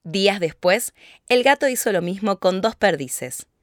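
A woman narrating a children's fairy tale in a steady, clear telling. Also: mid-range voice, measured pace, no room sound, clean studio sound. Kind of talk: storybook narration.

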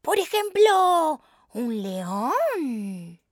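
A woman's voice: big pitch swings, extremely slow, no echo, clean studio sound, heavily acted. A woman voicing a sly, scheming talking cat who meows and coaxes, in a storybook reading. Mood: flattering. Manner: meowing, high and coaxing.

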